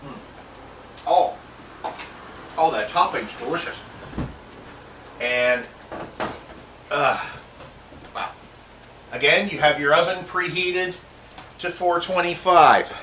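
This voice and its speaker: A middle-aged man hosts a laid-back home cooking show, joking and chatting to himself while he cooks in his home kitchen. His voice sits on the high side, pushed and bright, and he talks slowly with long pauses. A distant mic gives a roomy kitchen sound with clear background noise.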